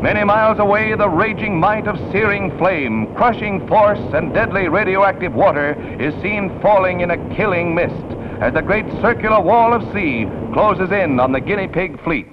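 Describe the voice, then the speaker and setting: A man's voice: high-pitched, normal speed, hardly any pauses, background noise. A man with an American accent narrating a scripted 1940s newsreel in a dramatic, emphatic announcing manner. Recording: dull lo-fi 1940s newsreel soundtrack. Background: loud music.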